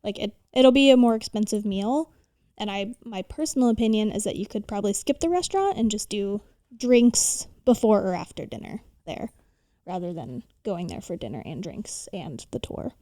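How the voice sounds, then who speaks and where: A woman's voice: mid-range voice, lively intonation, moderate pace, mellow, no room sound, studio quality. An American woman co-hosting a podcast, casually sharing recommendations in informal speech peppered with "like". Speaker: podcast co-host.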